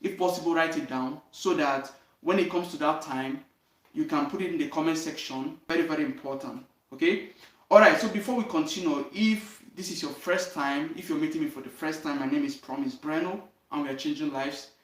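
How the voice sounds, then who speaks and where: A man's voice: fairly high pitch, fairly quick. Earnest Nigerian man in an echoey room. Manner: earnest, repeats "you understand?" and "okay?". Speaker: channel host. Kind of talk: direct-to-camera life story talk. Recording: roomy echo, voice from a distance.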